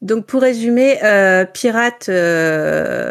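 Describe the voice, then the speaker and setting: A woman's voice: mid-range voice, lively intonation, slow, clear, resonant tone. A woman from northern France chatting at a book club, presenting a novel with many fillers and self-mocking asides. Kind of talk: casual book club chat.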